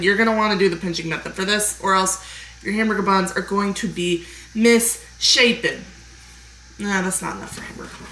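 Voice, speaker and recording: A woman giving a relaxed, chatty cooking tutorial while shaping bread dough at home. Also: fairly high pitch. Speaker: home baker showing a recipe. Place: home kitchen. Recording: echoey kitchen with clear background noise.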